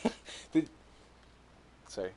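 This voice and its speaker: A man's voice: slow, dark tone, a little hiss or hum. A young man co-hosting a podcast in casual chat, rambling and swearing freely, laughing often. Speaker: podcast co-host.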